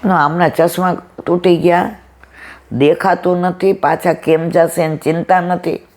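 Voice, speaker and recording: A woman's voice: fairly low pitch, measured pace. A woman telling a devotional story at a satsang, acting out the dialogue as she goes. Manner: lively retelling, acts out the dialogue. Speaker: satsang speaker.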